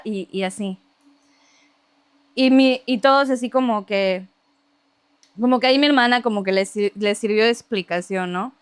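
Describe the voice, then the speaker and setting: A woman telling a story from her childhood in casual, lively conversation, laughing often and imitating other people's voices. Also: mid-range voice, clear, resonant tone, no room sound. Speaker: podcast guest.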